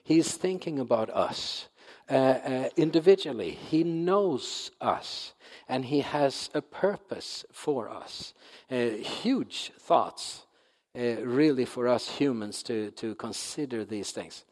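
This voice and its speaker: A man in his sixties speaks English with a Swedish accent, his voice sitting at a middle pitch. He addresses a church as a visiting missionary, earnest and halting, often stopping to restart a thought. His words ring out with the long reverb of a big sanctuary. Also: expressive, a little mellow. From Sweden. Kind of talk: church talk. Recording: long reverb of a large hall.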